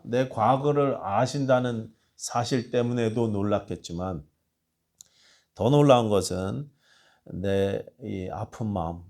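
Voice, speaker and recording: Male pastor, lowish voice, storytelling sermon full of rhetorical questions, hushed-to-raised dynamics. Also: vocal fry. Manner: swings between hushed and raised emphasis.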